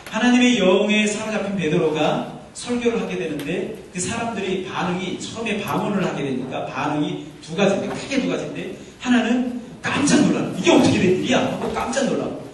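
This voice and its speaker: A man's voice: high-pitched, animated, a little fast, hardly any pauses, slight background noise. A man preaching a sermon in a church, joking as he talks. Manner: jokey, playful with dialect lines. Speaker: pastor. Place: church sanctuary. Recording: echoey church hall from far off.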